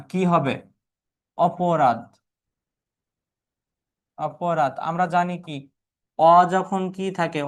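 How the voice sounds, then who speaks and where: A young man with a Bangladeshi Bengali accent teaches an exam revision class. His voice sits a little high for a man. He keeps asking questions, answers them himself, and calls out students by name. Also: smooth. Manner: quizzing and answering his own questions, calling out students' names. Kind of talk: live online exam-review class.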